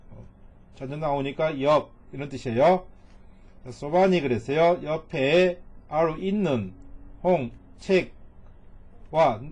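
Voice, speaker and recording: A middle-aged male teacher with a slightly high voice delivers a recorded lesson on Japanese reading. He works through each sentence piece by piece, repeating phrases and translating them word by word in a patient, steady way.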